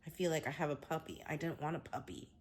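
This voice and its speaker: A woman's voice: low-pitched, fast talker, a little hiss or hum. A young woman venting in a casual vlog, frazzled, trailing off and restarting as she talks to her camera. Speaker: vlogger.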